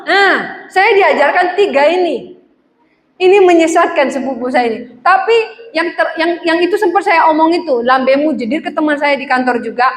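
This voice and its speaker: A woman pastor preaching a sermon in a church, lively and humorous, acting out the voices in her stories. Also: high-pitched, normal speed, slight background noise. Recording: echoey church hall with faint ambience.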